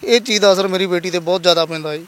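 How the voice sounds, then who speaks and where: A man's voice: high-pitched, fairly even intonation, very fast, a bit bright. A man from Punjab, a laborer and father, telling his story in an interview in an earnest, polite and emotional way.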